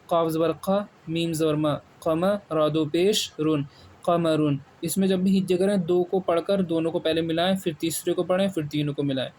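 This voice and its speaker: Man, Pakistani Urdu accent, Quran reading teacher, slow drawn-out syllables, slightly high voice, faint hiss. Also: steady tone, a little mellow. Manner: repeats sounds slowly, drawn-out syllables, frequent "theek hai". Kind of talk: spelling-out recitation lesson.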